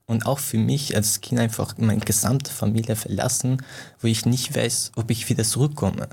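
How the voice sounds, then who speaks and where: The interviewee is a young man from Iran with Farsi as his first language, offering casual replies in a gravelly, mid-range voice that is steady in tone and a little mellow. His speech is halting, with word-searching and frequent restarts.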